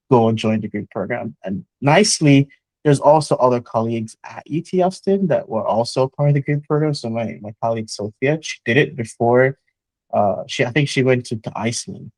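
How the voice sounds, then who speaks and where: A man, a chemical engineer talking earnestly in an interview, often pausing with "uh" and starting with "so". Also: mid-range voice, a little mellow, no echo, rough recording. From Jamaica. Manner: earnest, motivational, frequent "uh" and "so". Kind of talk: conversational interview.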